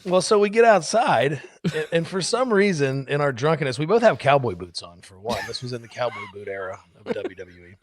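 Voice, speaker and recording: An animated man telling a rowdy story in casual chat, swearing freely and acting out the lines of others. His voice sits a little high and leaps around with lively swings. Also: brisk. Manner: animated, profane, acts out quotes. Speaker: podcast guest.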